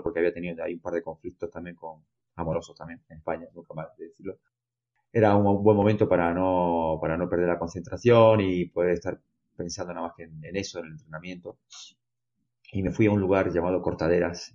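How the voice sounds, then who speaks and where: Deep-voiced Spanish man with a mixed accent. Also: highs cut off. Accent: Spanish from Granada with a slight Argentine mix. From Spain. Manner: rambling, with many restarts and laughs, swings between loud and quiet. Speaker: mountain runner and mountaineer. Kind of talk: conversational interview storytelling.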